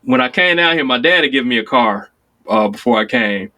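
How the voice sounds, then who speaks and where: A mid-pitched man in his forties, from Chicago, chatting casually on a remote call. He tells stories with energy and leaps up high whenever he acts out what someone said. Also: fairly quick. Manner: animated storyteller, acts out quotes with sudden high pitch jumps. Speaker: guest. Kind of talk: casual conversation.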